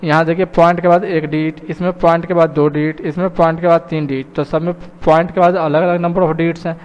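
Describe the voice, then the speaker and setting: A man's voice: a little high, flat delivery, fairly quick, clean tone, in a large hall, muffled recording. A man teaching a math lesson patiently, often checking in with his students. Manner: patient, repeats "thik hai" and "students" often.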